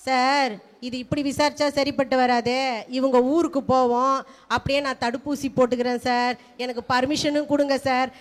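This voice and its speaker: A woman's voice: sits high, level tone, close to an everyday voice. Woman playing a firm pregnant police officer. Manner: firm, brisk. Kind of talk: amateur stage role play.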